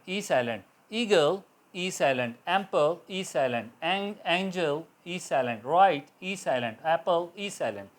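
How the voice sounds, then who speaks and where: A man with a Pakistani accent teaches an English lesson, moving through it at an unhurried pace. His voice sits a little high for a man. He breaks words down letter by letter and keeps checking with his listeners as he goes. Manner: explains step by step, spells words letter by letter, often checks with "okay". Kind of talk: spoken lesson.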